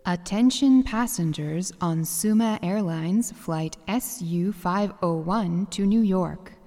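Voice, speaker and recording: A woman's voice: on the low side, takes it slowly, mellow, in a large hall. A woman voicing a formal airport gate announcer in a scripted listening-test dialogue.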